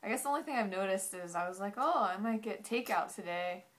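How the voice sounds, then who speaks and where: A woman's voice: mid-range voice, lively intonation, fast talker. A woman in her twenties chatting informally to camera as a vlogger, rambling and saying "like" often. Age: 20s. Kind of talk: casual chat to camera. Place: small living room indoors.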